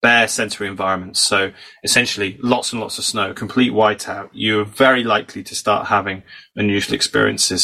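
Fairly low in pitch, with a bright and forceful tone, this British psychology professor and author spins fluent, explanatory stories in a podcast interview. He's slightly losing his voice to a cold.

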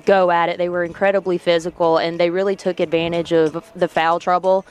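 A woman's voice: fairly low pitch, level tone, fairly quick, smooth. Breathless, enthusiastic female sports reporter. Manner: enthusiastic, repeats "incredible". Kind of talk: live radio guest interview.

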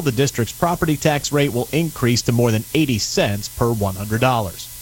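A man anchors a radio news bulletin from a script. His voice sits at a middle pitch. A faint hum and hiss runs underneath. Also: low-quality recording.

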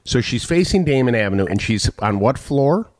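A middle-aged man hosting a home-improvement call-in radio show, talking in a relaxed, folksy way. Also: mid-range voice, normal speed, no room sound. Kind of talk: casual call-in radio talk.

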